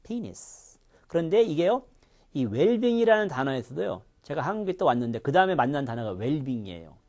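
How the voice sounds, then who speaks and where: Animated male pronunciation teacher. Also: on the high side, fast talker. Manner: animated, demonstrating sounds with exaggerated contrasts. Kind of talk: recorded lecture.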